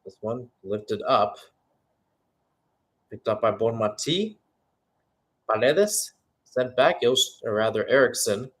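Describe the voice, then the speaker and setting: A man with a mid-range voice delivers live, radio-style play-by-play of a football match, full of exclamations and rhetorical questions.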